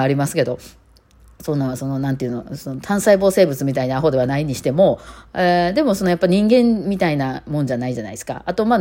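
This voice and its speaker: Woman, Osaka accent, low pitch, quick rambling talk, casual podcast chat. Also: mellow. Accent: Kansai (Osaka). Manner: rambling, many fillers, laughs often; chatty, playful imitations of her cats. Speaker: podcast host.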